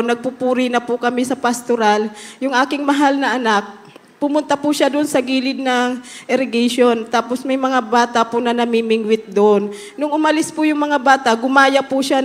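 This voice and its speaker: A woman's voice: fairly high pitch, fairly even intonation, moderate pace. A woman giving a religious testimony before a congregation, speaking fervently and often crying out hallelujah, sometimes close to tears. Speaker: church member giving testimony. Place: church hall. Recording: echoing church hall.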